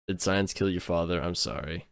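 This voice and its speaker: This American streamer has a low, creaky voice and talks at normal speed, captured in a dry recording. While playing live, he rambles to his viewers, breaking off mid-thought and correcting himself often.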